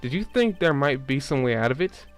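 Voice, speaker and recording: A man's voice: medium pitch, a little fast, soft background music, close to an everyday voice. Man playing a probing game lawyer. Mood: pressing. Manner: questioning, expressive.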